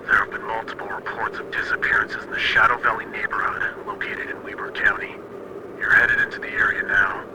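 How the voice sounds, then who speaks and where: A man's voice: lowish voice, flat delivery, fairly quick. A man playing a stern military commander who gives clipped, formal orders over a crackling walkie-talkie radio. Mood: commanding. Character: stern male military commander briefing a soldier. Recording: heavy radio static.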